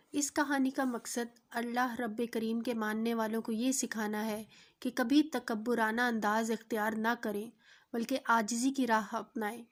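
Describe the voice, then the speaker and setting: A woman narrating a moral bedtime story in a measured, preaching tone. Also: fairly high pitch.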